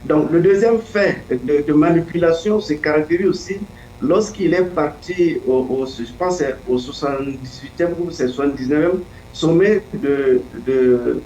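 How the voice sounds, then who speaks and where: A man speaking as a political commentator in an interview, earnest and deliberate, often pausing to search for his words. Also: a little high, warm tone, a little hiss or hum. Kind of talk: analytical interview answer. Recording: echoey, distant, dull lo-fi sound.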